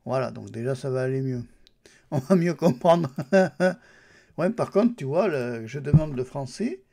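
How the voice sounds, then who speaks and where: A YouTuber testing a Linux distribution speaks in a warm, fairly high voice. In this casual screen-recorded walkthrough, he thinks aloud while touring the computer's settings and apps, addressing the viewer directly.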